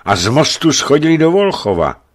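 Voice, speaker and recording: A man voicing a self-pitying boyar who has been beaten, pleading in a high, tearful voice. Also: very animated, creaky, exaggerated voice. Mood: wailing.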